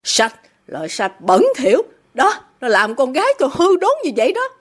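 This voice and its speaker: A woman reads a furious middle-aged father who got rich by shady deals. He shouts insults at his daughter in a high, wildly swinging voice, bullying and contemptuous. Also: very animated, normal speed. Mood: raging.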